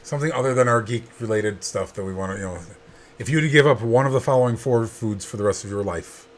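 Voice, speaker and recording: A man co-hosting a casual podcast, talking in halting, rambling bursts while telling an anecdote. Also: mid-range voice. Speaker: podcast co-host. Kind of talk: casual chat.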